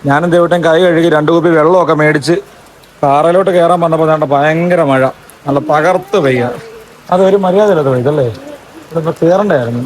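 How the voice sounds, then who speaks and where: A man chats casually as a family vlogger, excitable, repeating words in quick bursts and dropping in English words. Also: fairly high pitch. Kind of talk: casual vlog chat to camera. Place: in and beside a parked car in rain. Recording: noisy outdoor and in-car phone recording. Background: vehicle and urban outdoor noise.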